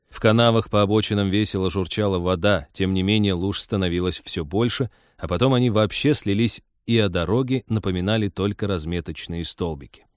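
A man narrating a science-fiction audiobook in a wry, even storytelling manner. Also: on the low side, no echo, studio quality.

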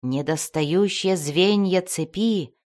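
A woman voicing a powerful male wizard who speaks slowly and in a measured, commanding way. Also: fairly low pitch, darkish tone. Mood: patient.

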